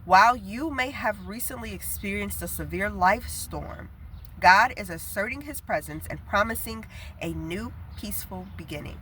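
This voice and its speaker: A young woman, nasal from a head cold, delivers a casual prophetic message as a video preacher, earnest, chatty, and rambling. Her medium-pitched voice is expressive and sharp-toned at a moderate pace, with a little hiss or hum.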